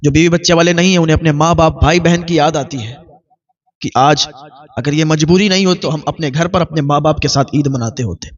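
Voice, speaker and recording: A man preaching an Islamic sermon, telling a story in an earnest, repetitive way. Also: a little high. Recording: dull lo-fi recording.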